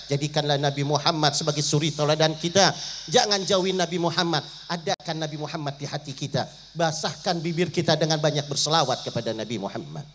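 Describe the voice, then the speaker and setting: A man's voice: a bit bright, slight background noise. Dramatic male preacher. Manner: dramatic, with sweeping pitch swings. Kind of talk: storytelling sermon.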